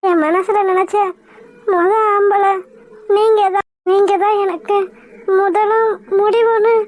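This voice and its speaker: A woman voicing a young lovesick village woman in a cartoon, with a high, squeaky, weepy voice. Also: steady tone, slow pace, no room sound. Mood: tearful. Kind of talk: cartoon voice acting.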